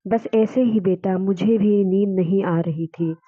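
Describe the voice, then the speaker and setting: A woman's voice: medium pitch, measured pace, no echo, narrow, tinny audio, close to an everyday voice. A woman voicing a kind, widowed elderly father-in-law who speaks affectionately and reassuringly to his daughter-in-law in a storybook reading.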